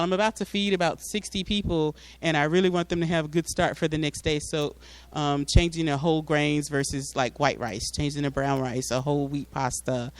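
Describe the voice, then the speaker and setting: A man with a slightly high, smooth voice gives an informal talk with slides to a community audience at a mosque. As he explains, he often repeats words while searching for the right phrasing.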